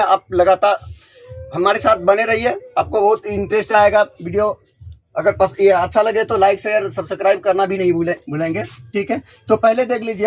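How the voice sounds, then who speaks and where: A man teaching a grammar lesson, who asks questions, answers them himself and sounds out letters slowly one by one. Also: high voice, breathy edge, muffled recording.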